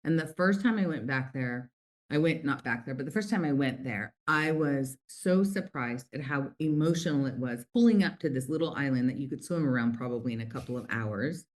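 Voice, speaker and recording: A middle-aged American woman who founded a lip color company chats through a casual interview as the guest. Her bass voice is expressive and fairly quick, and she tells stories warmly, packed with fillers.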